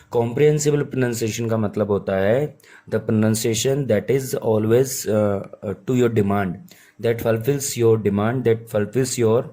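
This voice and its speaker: A man who is unwell teaching an exam prep lesson in Hindi, slowly reading English terms aloud and repeating key points. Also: mid-range voice, dark tone. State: unwell, voice sounds off.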